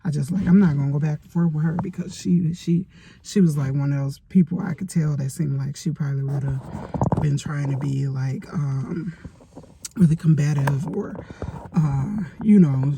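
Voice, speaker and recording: A woman's voice: sits low, moderate pace, creaky, background noise. A middle-aged woman chatting casually in a rambling storytime vlog, filled with fillers, recorded on a phone in her parked car. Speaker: vlogger.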